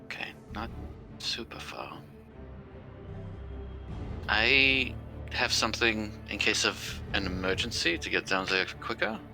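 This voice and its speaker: A man's voice: fairly low pitch, slow pace, vocal fry, long pauses, music in the background. A man talking casually as a player in a tabletop role-playing game. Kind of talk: casual gaming chat.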